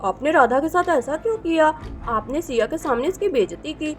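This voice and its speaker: A woman voicing a calm village farmer man who mediates family quarrels in a doll video role-play. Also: sits high, fairly quick, soft background music. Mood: firm. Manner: reasoning, mediating.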